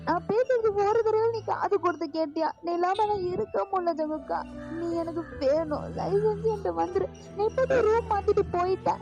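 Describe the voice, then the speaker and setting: A woman's voice: very high voice, brisk, pitched above the performer's own voice. Woman voicing a heartbroken young man begging. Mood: pleading. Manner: tearful, begging, repeats his name. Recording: lo-fi voice with music behind.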